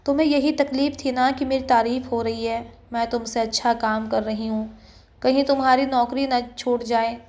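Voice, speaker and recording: A woman's voice: on the high side, steady tone, darkish tone, close to an everyday voice. A woman voicing a fiery young woman coworker who snaps back with scolding, threatening retorts. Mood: scornful.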